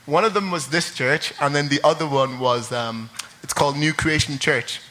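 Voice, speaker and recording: A man's voice: fairly high pitch, normal speed, pushed and bright. A young man from Ireland, sharing his testimony at a church service in a chatty way full of fillers and laughter, then reading scripture.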